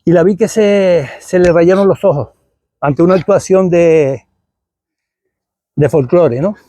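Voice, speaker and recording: High-voiced Canarian man in his sixties. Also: a little slow, dark tone, no echo. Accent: Canarian Spanish. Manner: rambling, conversational storytelling. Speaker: invited speaker at a tribute event. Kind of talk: public talk.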